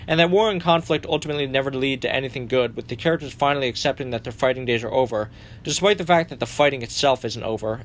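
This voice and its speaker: A man's voice: mid-range voice, a bit bright. A young man hosting a commentary video, narrating a story summary in a sardonic tone with occasional swearing. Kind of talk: narrated fan rewrite summary.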